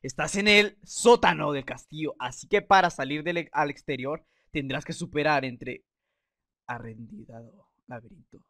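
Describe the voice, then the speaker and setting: A young man with a Mexican accent doing excitable, swear-filled gameplay commentary, reading in-game signs aloud. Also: fairly high pitch, moderate pace, dry recording, clean studio sound. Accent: Mexican Spanish. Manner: excitable, swears, yells when startled.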